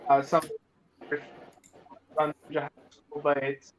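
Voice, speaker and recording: A man's voice: fairly high pitch, completely flat delivery, a little slow, crowd noise. A man who is a comic book creator, talking hesitantly with many fillers over a video call, his audio choppy and robotic from phone interference. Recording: muffled lo-fi call line.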